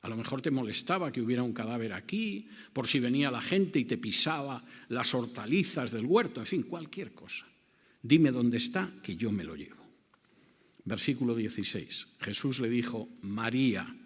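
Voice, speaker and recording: A male preacher works through scripture in a dramatic, rhetorical way, often acting out the dialogue. His pitch swings widely from phrase to phrase at a medium overall height. The voice carries a long reverberant tail, as if in a large hall. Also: expressive, normal speed, breathy edge. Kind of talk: expository sermon.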